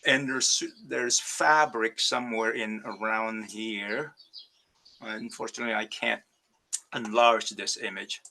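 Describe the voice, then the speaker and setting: A low-ish, bright, forceful male voice with fairly even intonation moves at a slow pace against slight background noise. The speaker, an Indonesian ceramic artist, presents slides about his work in a hesitant online talk via video call, with many fillers and restarts.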